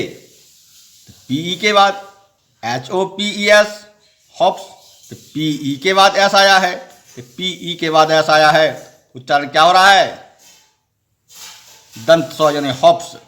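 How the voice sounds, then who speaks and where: A man teaching English pronunciation rules, spelling out letters slowly and asking and answering his own questions. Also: fairly high pitch, sharp tone. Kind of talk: classroom-style lesson explaining rules.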